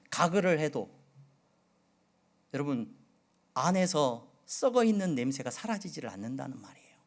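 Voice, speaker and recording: A middle-aged male pastor from Korea's Jeolla region preaches a sermon in Seoul Korean with an occasional touch of Jeolla dialect. In a mid-range voice, he poses many questions to his congregation and shifts between loud and soft delivery.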